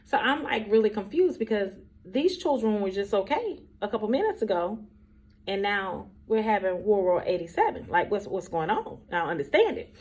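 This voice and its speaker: A woman in her forties, a teacher, telling a story in an animated, chatty way and talking straight to her viewers. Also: medium pitch, normal speed. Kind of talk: casual storytelling vlog.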